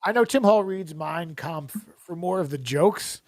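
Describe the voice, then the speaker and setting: A man's voice: on the high side, animated, measured pace, crowd noise. A man in comedy podcast banter, ranting with blunt, profane opinions and acting out imagined quotes.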